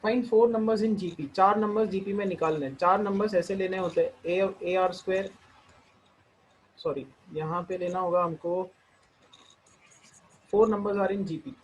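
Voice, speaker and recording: A man with an Indian accent teaching a math lesson, working through the steps one at a time and slowing down to read each equation aloud. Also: high-pitched, fairly even intonation, a little hiss or hum, rough recording. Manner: explains step by step, mixing Hindi and English; slows down when reading out equations. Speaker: math tutor.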